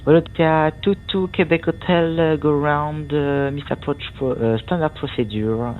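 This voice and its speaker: A man working as a tower controller, giving instructions over the radio in a halting delivery. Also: a little high, fairly even intonation. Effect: aviation radio transmission. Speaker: air traffic tower controller. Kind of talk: air traffic control radio phraseology. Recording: tinny radio band with faint noise.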